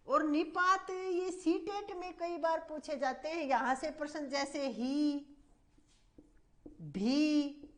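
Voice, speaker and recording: A woman teaching a grammar lesson for exam students, explaining at length and repeating points, often calling her students "bhai". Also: high-pitched.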